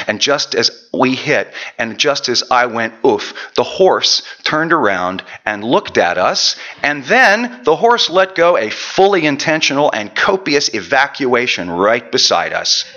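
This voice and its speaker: A man's voice: mid-range voice, animated, measured pace, hardly any pauses, sharp tone, muffled recording. A man preaching a sermon and telling a personal story with self-deprecating, chatty asides. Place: church.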